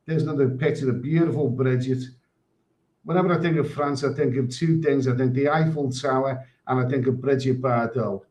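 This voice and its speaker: A man with a medium-pitched, somewhat dark voice hosts a casual livestream. He reads out viewer comments in a crude, rambling way, often stumbling over his words and repeating himself.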